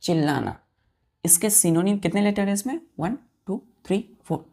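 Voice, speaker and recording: Slow, gravelly-voiced woman teaching vocabulary. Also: mid-range voice, animated, mellow. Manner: slow, spells words letter by letter and repeats answers; asks pupils questions and answers them herself. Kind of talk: vocabulary lesson for students.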